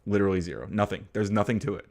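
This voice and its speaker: Speaking very fast in a lowish, slightly mellow voice, a young man from the United States runs a livestream where he chats about politics and responds to viewers. He rambles and hesitates with many fillers and restarts, getting blunt and profane when provoked.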